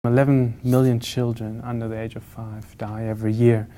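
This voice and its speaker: A man's voice: mid-range voice, flat delivery, normal speed, warm tone. A man giving an earnest advocacy statement, hesitant, with many fillers.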